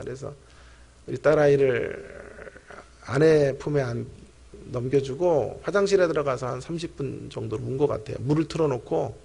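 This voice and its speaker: A middle-aged man preaches a sermon as a pastor, telling a personal story with lively, animated delivery and talking straight to the congregation. His voice sits somewhat high and carries a noticeable gravelly fry. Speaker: pastor and professor preaching at a teachers' revival. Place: church sanctuary.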